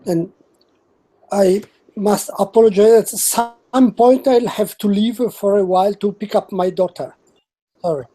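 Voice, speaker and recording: Man, italian accent, hesitant fillers, video call, mellow voice. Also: high voice, measured pace, low-quality recording. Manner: hesitant, many fillers and restarts. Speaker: workshop participant.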